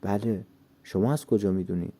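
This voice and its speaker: A man's voice: lowish voice, dark tone. Man voicing a shy, polite schoolgirl. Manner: polite and a little bashful.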